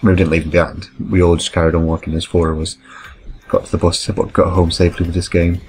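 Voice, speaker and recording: A man's voice: deep voice, flat delivery, fast, a little mellow, slight background noise, poor audio. A man, telling rambling, self-correcting anecdotes while commenting on gameplay. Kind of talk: casual storytelling over gameplay.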